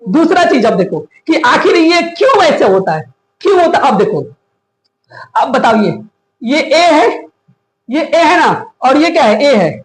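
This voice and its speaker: Male grammar teacher, classroom lecture, high pitch, roomy echo, quizzes students constantly. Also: unhurried. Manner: questions the class often, animated.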